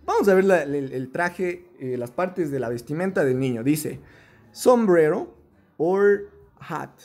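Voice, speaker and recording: A man leads a children's English lesson. His voice sits a little high for a man and swings widely in pitch, and he stretches English words slowly for repetition. Soft music plays underneath. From Ecuador. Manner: lively, coaxing, slow and drawn out on English words for repetition. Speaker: English teacher.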